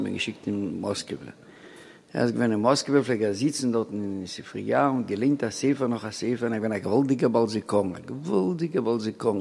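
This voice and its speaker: A man telling a rambling personal story, halting with many restarts and pauses, sometimes dropping to a quiet mutter, with a long echoing reverb on the recording. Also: medium pitch, gravelly.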